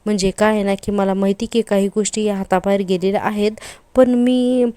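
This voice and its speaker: A man's voice: high voice, level tone, fairly quick, mellow, smooth, no room sound, natural voice. Woman doing a nervous male accomplice. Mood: placating.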